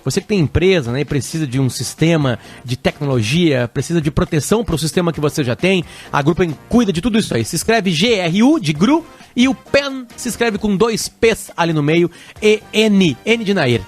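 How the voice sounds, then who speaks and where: A man hosting a radio talk show, chatty and energetic, reading a live sponsor spot. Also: a little high, normal speed, soft background music. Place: radio studio.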